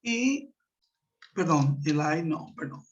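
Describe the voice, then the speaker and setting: A man teaching an online class, explaining patiently, checking in with his students and reading example sentences slowly. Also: on the high side, very animated, background noise. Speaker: English teacher. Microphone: computer mic on a web conference. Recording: muffled web-conference audio.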